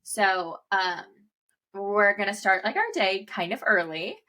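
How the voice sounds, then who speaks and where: A woman's voice: mid-range voice, lively intonation, measured pace, pushed and bright. A woman in her twenties co-hosting a podcast, telling stories in a casual, chatty way full of "like". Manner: chatty, storytelling with lots of "like". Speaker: podcast co-host. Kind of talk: casual chat.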